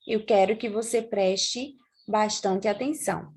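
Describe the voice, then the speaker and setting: A woman teacher with a Brazilian accent, speaking slowly and clearly to her class in a remote lesson. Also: mid-range voice, a little mellow. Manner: slow, clear, addressing the class.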